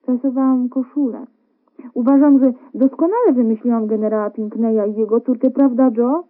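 A woman voicing a loving and stubborn young wife in a radio story reading, talking in a bright, coaxing way. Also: on the high side, normal speed, soft background music, voice pushed up, close to an everyday voice. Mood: pleading. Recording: narrow phone-like radio broadcast.

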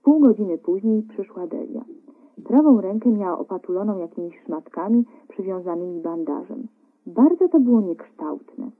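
A woman's voice: mid-range voice, expressive, normal speed, slightly rough. Woman narrating a story over radio. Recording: narrow phone-like radio sound.

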